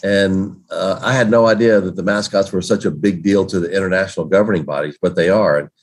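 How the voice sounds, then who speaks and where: Very deep-voiced man, folksy. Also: fairly quick. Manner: folksy, relaxed, many fillers and restarts. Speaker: guest, games organizer. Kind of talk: conversational interview answers.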